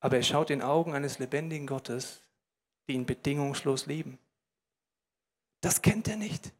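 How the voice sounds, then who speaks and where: A man preaching a sermon in a lively, colloquial way, speaking straight to the listener. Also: medium pitch, moderate pace, long reverb tail.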